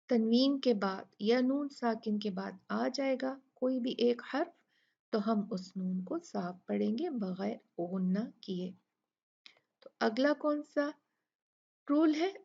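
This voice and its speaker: A woman teaching a recitation lesson, asking questions and answering them herself, and slowly sounding out example words. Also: on the high side, vocal fry, darkish tone. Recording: dull lo-fi recording.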